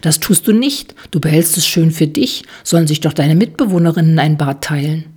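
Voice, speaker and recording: A relaxed middle-aged man who dodges questions with easy chatter, read by a woman narrator in her own low voice. The tone stays breathy and husky. It sounds like an audiobook scene. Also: brisk. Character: man in his fifties, evasive, easygoing tango dancer.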